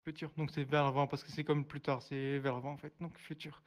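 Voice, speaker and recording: A man with a mid-range, fairly flat voice teaches a sign language class online. He's hesitant, full of fillers and restarts, and says each word slowly as he signs it during the live explanation.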